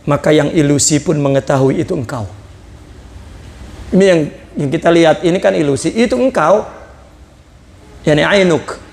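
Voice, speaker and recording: A man's voice: a little high, moderate pace, gravelly, long pauses, darkish tone, echoey room. A man with an Indonesian accent teaching a religious lesson, reading a phrase of the text and then explaining it in plain words.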